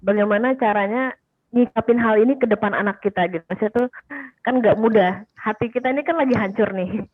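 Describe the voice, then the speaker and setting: Quick-talking woman host, tinny line. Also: mid-range voice, no room sound. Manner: chatty, rambling questions. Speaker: talk show host. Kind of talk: interview questions. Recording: dry tinny phone-like line.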